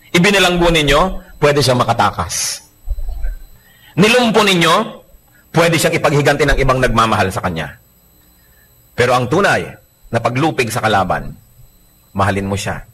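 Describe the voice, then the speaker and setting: A man preaching as a pastor, joking and lively, mixing English Bible verses into his sermon. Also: mid-range voice, husky.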